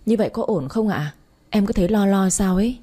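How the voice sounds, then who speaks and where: A woman's voice: mid-range voice, fairly quick, dark tone, close to an everyday voice. A woman voicing a spirited young mother in a story, pert and a little defiant. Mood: anxious.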